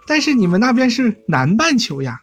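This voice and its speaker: A woman's voice: on the high side, sing-song, normal speed, breathy edge. A woman hosting a live chat show in a casual, chatty and giggly way. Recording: music bed behind the voice.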